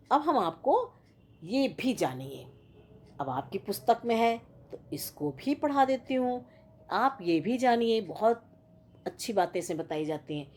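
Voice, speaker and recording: A woman Sanskrit teacher patiently explains a school grammar lesson, repeating herself and often checking that students are following with "theek hai na." Her voice is medium-pitched with a darkish tone.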